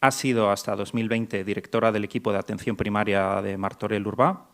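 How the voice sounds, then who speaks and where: A man's voice: on the low side, fairly even intonation, fairly quick. A man from Mexico moderating a medical conference panel, introducing speakers with frequent restarts and hesitations. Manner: hesitant, many restarts and fillers. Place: conference hall.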